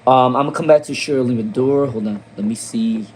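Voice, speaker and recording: A man's voice: mid-range voice, brisk, a little mellow, slight background noise, rough recording. A man from Rhode Island giving casual tarot readings on a live stream, repeating names and questions with many fillers. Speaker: tarot reader.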